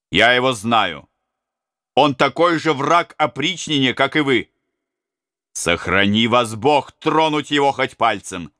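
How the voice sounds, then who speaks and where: A man's voice: fairly high pitch, sharp tone, no echo, clean studio sound, pitched above the performer's own voice, exaggerated voice. A man voicing a stern warrior prince who commands a band of robbers in an audiobook reading. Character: fierce commanding prince, war leader.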